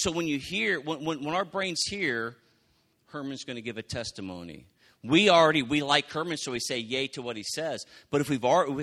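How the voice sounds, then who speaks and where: Bright-voiced preaching man. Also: mid-range voice. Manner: conversational, animated preaching with acted-out quotes. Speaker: pastor. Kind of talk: sermon.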